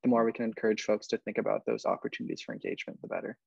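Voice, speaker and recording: A young man answering questions as a panelist on a video call, talking quickly with many fillers. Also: lowish voice, huge pitch swings, gravelly, slightly rough, no echo. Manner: fast, filler-heavy, earnest. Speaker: panelist, science advocacy organizer. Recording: dry, dull video-call audio.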